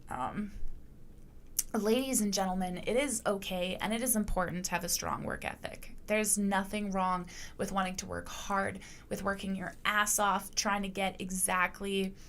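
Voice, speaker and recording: A woman's voice: mid-range voice, fairly even intonation, normal speed, fairly bright tone, a little hiss or hum. A young adult woman hosting her own podcast, talking candidly in a casual monologue, blunt and profane, rambling with lots of fillers. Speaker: podcast host.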